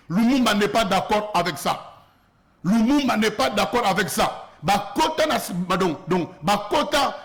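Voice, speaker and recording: A man's voice: high-pitched, fairly bright tone. A man with a Congolese French accent preaching an earnest sermon as a prophet, slipping Lingala phrases into his French and growing more emphatic as he goes. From Congo (DRC).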